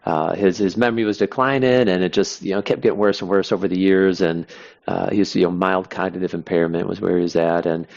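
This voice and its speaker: Deep, gravelly man, dull lo-fi sound. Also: steady tone, darkish tone. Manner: rambling, halting, with many restarts and "you know". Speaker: podcast co-host. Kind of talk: casual chat.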